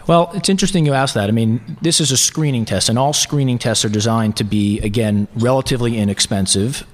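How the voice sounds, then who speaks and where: A man's voice: mid-range voice, brisk. A man, a physician guest on a live radio show, explaining a screening test earnestly with some fillers. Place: reception hall. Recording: long hall reverb from live venue.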